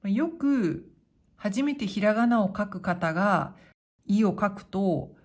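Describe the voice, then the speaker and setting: A woman teaching hiragana, calmly reading the kana one by one and explaining how to write them. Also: mid-range voice. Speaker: Japanese teacher.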